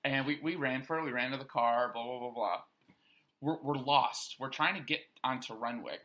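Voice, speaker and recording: A young man co-hosting a podcast, telling a story in an animated way among friends. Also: mid-range voice, fairly quick. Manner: animated storyteller, acts out quotes, swears casually. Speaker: podcast co-host. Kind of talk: casual chat, storytelling.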